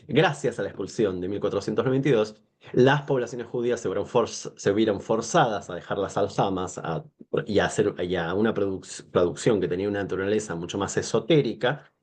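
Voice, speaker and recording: Argentine guy in his 40s, a guest on a podcast, kinda low voice, lots of "eh"s and restarts, wanders off topic. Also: darkish tone. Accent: Argentine Spanish. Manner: hesitant, many fillers and restarts, digressive. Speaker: guest scholar. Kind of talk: podcast interview.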